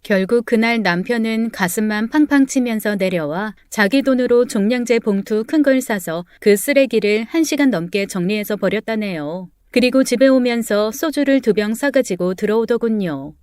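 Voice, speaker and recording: Smooth-voiced woman telling a story. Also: a little high, normal speed, few pauses, darkish tone, no room sound. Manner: plain, gossipy storytelling. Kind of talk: scripted narration of a true story.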